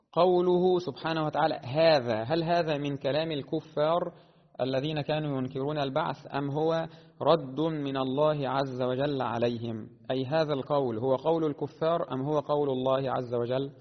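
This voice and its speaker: A man teaching the rules of Quran recitation, explaining at a deliberate pace and slowing to chant the verses melodically. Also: a little high. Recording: dull lo-fi sound with long reverb.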